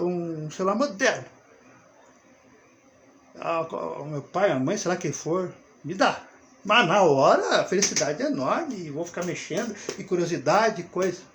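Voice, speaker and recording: A Brazilian man with a fairly high voice leads an informal Bible talk, keeping it friendly and conversational. He often checks in with his listeners and laughs lightly as he goes. A faint hiss of noise sits under the voice. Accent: Brazilian Portuguese. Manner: chatty, with rhetorical check-ins and frequent chuckles. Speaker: Bible teacher.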